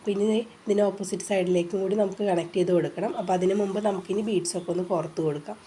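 A woman's voice: medium pitch, steady tone, very fast, mellow, slight background noise. A woman hosting a casual craft tutorial, explaining each step patiently and chattily with frequent filler sounds, her voice stuffy and congested from a cold. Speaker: craft channel host. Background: rain outside.

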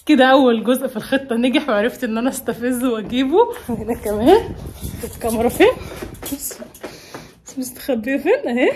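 A young Egyptian woman talking fast and insistently in a casual home vlog. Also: on the high side, lively intonation, a little mellow, a little hiss or hum. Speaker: vlogger. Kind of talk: casual staged argument.

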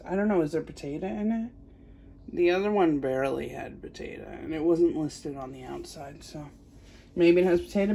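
A woman's voice: medium pitch, a little mellow. A woman vlogging casually at home as a mom, chatty and rambling, thinking aloud with fillers as she goes. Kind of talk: casual grocery haul chat.

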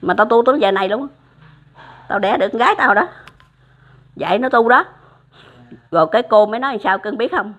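A woman's voice: fairly high pitch, a little fast, long pauses, fairly bright tone. An older woman, telling stories casually, acting out dialogue and addressing the listener affectionately. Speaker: storyteller of religious experiences. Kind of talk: casual spoken storytelling. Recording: muffled lo-fi recording.

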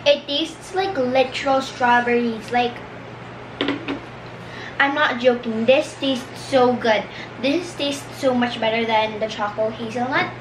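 A woman's voice: a little high, a little slow. A young woman, a vlogger, chatting enthusiastically while talking between bites during a food taste test. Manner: chatty, enthusiastic, repeats herself. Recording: echoey room with clear background hum.

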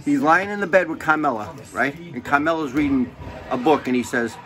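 A man with a fairly high, lively voice talks quickly as he hosts a casual cooking show, heard on a rough recording. He rambles, jokes, swears freely and drifts into stories while he cooks.

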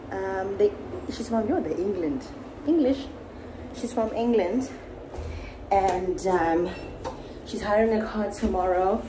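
A woman in her twenties vlogging casually to a phone camera in a hotel room, chatty and animated, with bursts of excitement. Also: medium pitch, noisy background. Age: 20s. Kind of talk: casual vlog chat to camera. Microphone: phone camera at arm's length.

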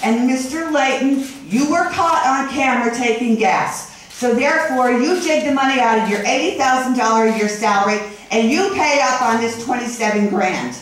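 A woman's voice: a little high, normal speed, few pauses, slight background noise. A middle-aged woman at public comment in a council meeting, speaking in a confrontational, accusing way. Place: wood-paneled council chamber. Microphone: room mic at a speaker's podium, from a far camera. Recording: very echoey chamber heard from a distance.

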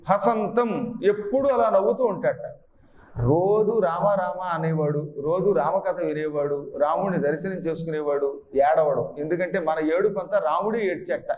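High-voiced man giving devotional discourse. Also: roomy sound. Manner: chants Sanskrit verses slowly, then explains line by line; teaches by asking the audience to voice sounds. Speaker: spiritual discourse speaker.

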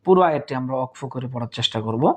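A man teaching Quran reading, spelling out each letter and vowel mark and then chanting the joined word slowly. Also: mid-range voice, lively intonation, a little mellow. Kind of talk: slow spelling-out recitation lesson.

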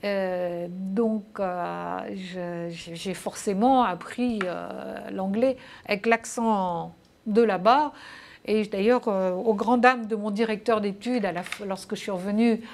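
A woman's voice: medium pitch, fairly even intonation, takes it slowly, a little mellow, slight background noise. A woman answering interview questions in a casual, hesitant way, with many fillers and restarts. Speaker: interview guest.

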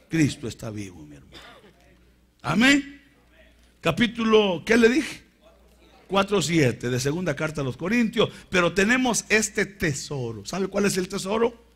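A man preaching a sermon, calling his listeners brother and swinging between shouts and whispers. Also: on the high side, vocal fry, slightly rough. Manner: addresses listeners as hermano.

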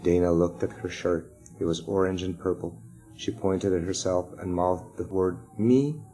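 A man reading a children's chapter book aloud to sixth graders in a steady, measured way. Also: low-pitched, faint music behind, rough recording.

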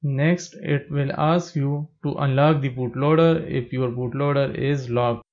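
A man narrating a step-by-step tech tutorial as a plain, steady voice-over. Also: mid-range voice, a little slow, dull audio.

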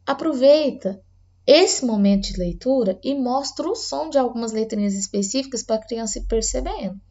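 A woman teacher from Brazil explaining an early reading lesson to parents, patient and explanatory, sometimes slowing down to read words aloud. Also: a little high, expressive, warm tone, muffled recording.

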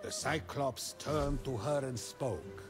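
An actor playing a bombastic, mischievous older god who narrates a video game tale in a theatrical, scornful way. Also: male voice, medium pitch, slow, natural voice. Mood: grand storytelling. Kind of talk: animated storytelling in a comedic video game. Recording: loud game music and effects behind.

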